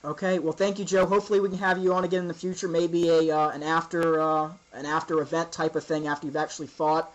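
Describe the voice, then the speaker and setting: A man hosting an informal interview, asking casual questions in a halting, roundabout way. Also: a little high, little pitch movement, muffled recording.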